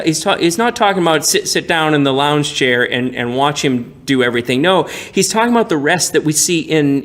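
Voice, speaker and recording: A male pastor giving a gentle, prayerful devotional message with frequent restarts. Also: a little high. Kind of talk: devotional sermon.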